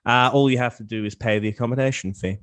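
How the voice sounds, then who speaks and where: A man's voice: mid-range voice, steady tone, fairly bright tone, no room sound, close to an everyday voice. A man playing a haughty sneering champion knight. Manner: haughty, slow, contemptuous drawl.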